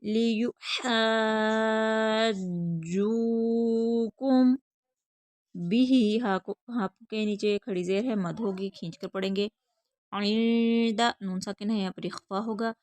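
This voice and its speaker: A woman teaching an online recitation lesson, explaining pronunciation rules quickly and then stretching out each recited word slowly. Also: medium pitch, steady tone, a little mellow, dry recording. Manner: explains pronunciation rules in quick bursts between slow, drawn-out recited words.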